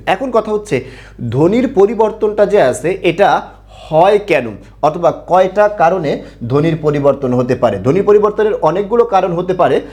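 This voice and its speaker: A man's voice: fairly high pitch, a little mellow. A man teaching an online grammar class, who asks questions and answers them himself and repeats key points. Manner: repeats key points, tells listeners to pay attention.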